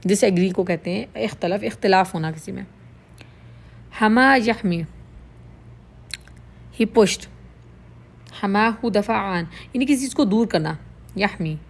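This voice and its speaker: A woman's voice: medium pitch, gravelly. A woman teaching Arabic vocabulary, explaining words patiently in Urdu mixed with English and repeating them. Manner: patient, explains each word slowly and repeats it.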